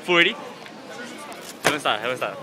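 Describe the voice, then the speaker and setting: A man's voice: mid-range voice, lively intonation, fast talker. A young man with a Singaporean accent chatting casually in Singlish, with particles like lah and ah, in a handheld vlog. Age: young adult. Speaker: vlogger. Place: busy canteen and walkways. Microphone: phone at arm's length. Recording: busy crowd noise, handheld phone.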